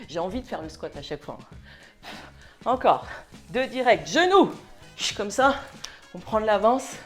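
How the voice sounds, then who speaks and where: A French woman coaching a cardio boxing workout, calling out moves in short punchy cues and sometimes winded as she trains along. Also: a little high. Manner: brisk, punchy cues while exercising along. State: out of breath at times. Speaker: fitness coach. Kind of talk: workout instruction.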